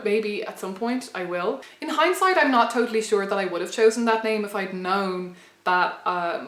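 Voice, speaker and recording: A young Irish woman, a pagan blogger and vlogger, tells a personal story to the camera in a reflective, rambling way, often restarting her sentences. Her voice is medium-pitched and fairly bright, set against a roomy echo.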